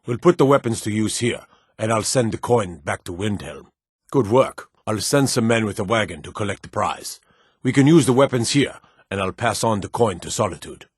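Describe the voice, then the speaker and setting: In a fantasy video game, a man voices a stern, battle-hardened military officer who gives orders in a brisk, commanding, gruffly matter-of-fact way, sounding approving. His voice sits on the low side and is animated. It's a dry, studio-quality recording.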